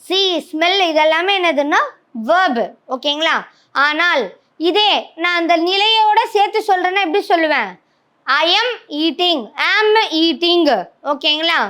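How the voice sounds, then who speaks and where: Speaking in an extremely high, pushed and bright voice, a woman with a Tamil accent teaches an English grammar lesson. She often pauses to check whether the class follows, asking "okay?" frequently.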